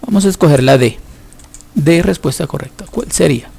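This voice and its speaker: A male teacher walks students through a lesson, patient and explanatory, pausing to think aloud. His voice sits a little high for a man and carries a gravelly edge. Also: lively intonation, warm tone. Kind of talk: recorded school lesson.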